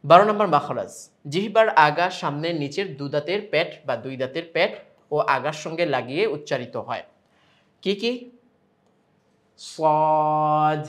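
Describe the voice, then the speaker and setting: A man's voice: a little high, fairly bright tone. A man with a Bangladeshi Bengali accent teaching Quran pronunciation step by step, stretching out sample sounds between explanations.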